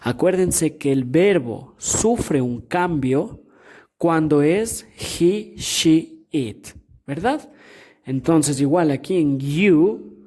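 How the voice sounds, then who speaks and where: Slow, patient teacher. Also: mid-range voice, expressive, darkish tone. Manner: patient, repeats each point and checks in with "ok?" and "sí?". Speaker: English teacher. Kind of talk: explaining grammar to students.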